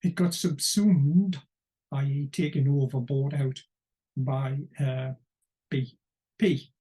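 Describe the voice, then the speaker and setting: A man giving unscripted political commentary, rambling and wry, often pausing to search for words. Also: mid-range voice, steady tone, warm tone.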